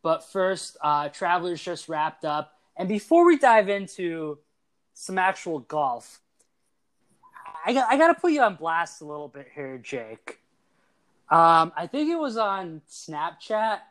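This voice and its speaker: A man in his twenties hosts a laid-back sports podcast in a slightly high voice. He's lively and playful, teasing and tossing in quick asides.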